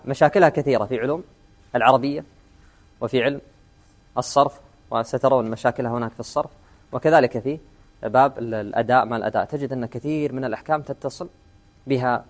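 A man's voice: mid-range voice, quick pace, long pauses. A man teaching an Arabic grammar lesson in class, often quizzing his students and repeating key words.

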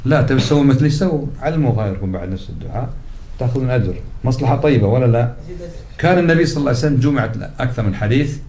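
A man's voice: medium pitch, darkish tone. A man teaching a religious lesson, explaining patiently, repeating key words and putting questions to his class. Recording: roomy echoey recording.

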